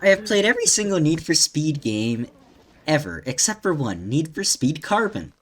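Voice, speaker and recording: A man's voice: fairly high pitch, very animated, normal speed, fairly bright tone. A young man reading a silly internet story aloud, often breaking into laughter.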